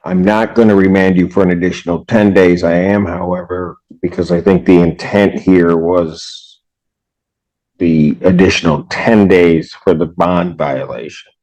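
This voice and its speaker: A man serving as judge speaks in a low, dark tone. His questions come blunt and clipped. The sound is a muffled, lo-fi courtroom recording. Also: steady tone, unhurried. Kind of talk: courtroom proceedings.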